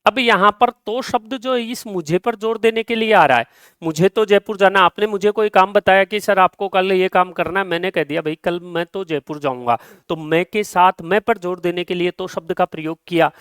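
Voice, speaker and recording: A man teaching a live exam-solution lesson, explaining step by step and reading example sentences out slowly. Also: sits high, fairly bright tone, clean tone, no echo, clean studio sound.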